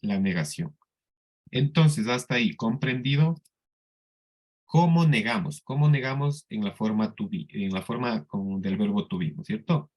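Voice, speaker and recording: A man teaching an English class in Spanish with a Colombian accent, explaining slowly and patiently and often checking that the students follow. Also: fairly low pitch, lively intonation, a little mellow. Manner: slow, patient explaining with frequent checks for understanding. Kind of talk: classroom lesson.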